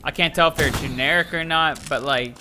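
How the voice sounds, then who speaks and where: Background noise accompanies a young adult man whose voice is a little high and fairly quick. Seated at a desk in a small room with a headset, he streams a shooter, giving excitable, jokey let's-play commentary and talking back to the game.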